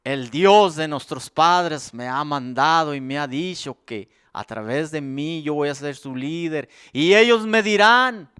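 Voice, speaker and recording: A preacher playing a humble, doubting shepherd. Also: male voice, expressive, a little slow, hardly any pauses, smooth. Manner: hesitant, soft, lowered voice. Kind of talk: sermon.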